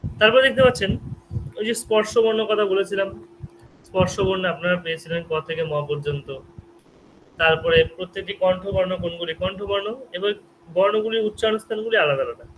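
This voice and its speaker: A man's voice: sits high, brisk, low-quality recording. A man teaching Sanskrit grammar in an online class, asking frequent check questions and repeating syllables aloud so students can copy them. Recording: faint background noise.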